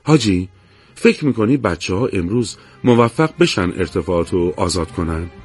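A man voicing an eager male officer in an audiobook war story, cheerful and excited. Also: low voice, husky, no echo, faint music behind. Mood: questioning.

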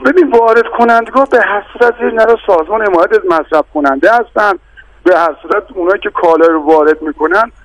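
A man's voice: high-pitched, a bit bright, highs cut off. A middle-aged man, a bazaar guild representative, debating politely but insistently as a guest on a radio talk show. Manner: insistent, polite, repeatedly addresses the host.

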